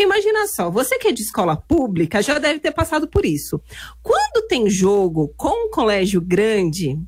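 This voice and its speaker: Animated woman telling stories. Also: high voice, no room sound. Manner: animated, laughs often while telling stories. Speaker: interview guest. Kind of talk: casual storytelling interview.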